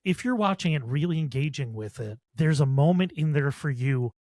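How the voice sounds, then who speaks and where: A man's voice: fairly high pitch, expressive, moderate pace, darkish tone, no room sound. A man co-hosting a podcast who discusses films in a confident, opinionated way. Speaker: podcast co-host. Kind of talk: casual film discussion.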